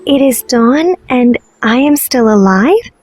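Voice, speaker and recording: A woman voicing a gentle young mermaid girl who is curious and hopeful, asking soft, wondering questions. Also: high voice, lively intonation, slow pace, faint music behind, pitched above the performer's own voice, heavily acted.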